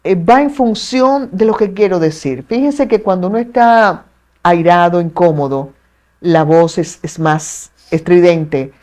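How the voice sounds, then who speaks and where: Dominican woman, lower-pitched, poised expert guest, expressive and articulate. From Dominican Republic. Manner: articulate, measured, expressive with playful asides. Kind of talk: explanatory interview talk.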